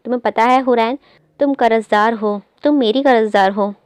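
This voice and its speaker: A woman's voice: a little high, normal speed, smooth, no room sound, lightly acted. A woman reading the lines of a stern young man who speaks in a taunting way.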